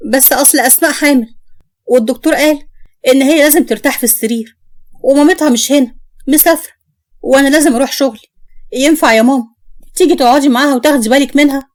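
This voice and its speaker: A woman's voice: high voice, rapid-fire, pauses often, natural voice. A woman voicing a pleading young Egyptian husband. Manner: pleading, gentle. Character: dutiful young husband torn between mother and wife.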